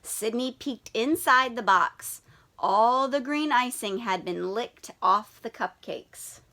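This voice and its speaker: A woman teacher with a fairly high voice reads a children's picture book aloud at a slow pace. She tells the story in an animated, expressive way and asks the children questions.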